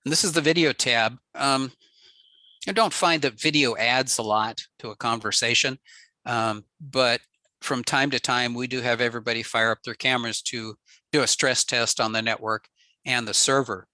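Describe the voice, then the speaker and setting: A male ham radio presenter gives a relaxed technical slide talk on a radio network, explaining with frequent ums and uhs. His mid-range voice runs at normal speed in a dry recording.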